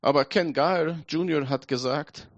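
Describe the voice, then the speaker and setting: A man preaching a sermon, reading scripture aloud and sinking to a hushed voice for emphasis. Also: on the high side, measured pace, dry recording, lo-fi sound.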